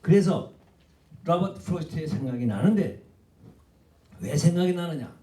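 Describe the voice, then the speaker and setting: An older man lectures on literature with lively, swooping intonation and a mellow, darker tone. He speaks emphatically and addresses the audience directly. The recording picks him up from a distance in an echoey public hall. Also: fairly high pitch, normal speed. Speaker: professor giving a public lecture.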